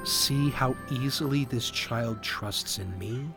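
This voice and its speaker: A man voicing a kind, firm grown man teacher in a children's story, speaking slowly and carefully. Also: mid-range voice, vocal fry, soft background music. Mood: gentle. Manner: slow and stern, then soft.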